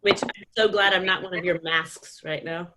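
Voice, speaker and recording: A woman's voice: on the low side, steady tone, normal speed. A woman casually hosting a party game over a video call, with a giggly, teasing manner. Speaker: host and judge of a contest. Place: indoors at home, on a video call. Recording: noisy video call with clicks.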